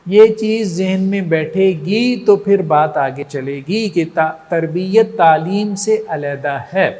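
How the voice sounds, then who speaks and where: High-voiced male religious lecturer, reverberant. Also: darkish tone. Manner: rhetorical, checks in with listeners often. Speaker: religious teacher. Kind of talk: lecture on moral training. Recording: long reverb.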